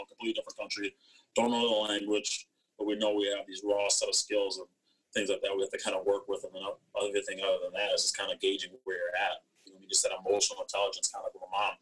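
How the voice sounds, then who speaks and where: A young former athlete, born in Ethiopia in East Africa, tells stories casually as an interview guest, rambling and slangy with frequent "you know what I mean." He talks fast in a husky, lowish, fairly bright voice, and the recording is rough.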